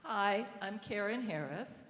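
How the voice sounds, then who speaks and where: A woman in her seventies speaks very slowly in a gentle, amused manner. The recording is roomy with a long reverb and clear background noise. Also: mid-range voice, expressive, a crowd in the background. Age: 70s. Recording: echoey hall with background noise.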